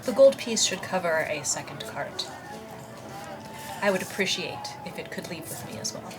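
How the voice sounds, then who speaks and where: A woman's voice: on the low side, expressive, normal speed, faint music behind, close to an everyday voice. A woman voicing an aloof noblewoman in a tabletop game, cool and clipped.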